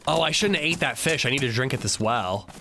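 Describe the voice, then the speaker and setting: A man from Pennsylvania, a streamer talking casually with chat while playing a game, animated and swearing freely. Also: medium pitch, fairly quick, background noise. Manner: animated, profane, reacting to chat. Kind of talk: casual gaming livestream chat.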